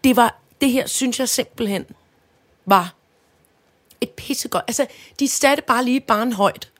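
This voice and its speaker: A middle-aged woman, an actress co-hosting a podcast, talking emphatically and teasing her co-host in casual chat. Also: on the high side. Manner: gushing, emphatic, playful teasing.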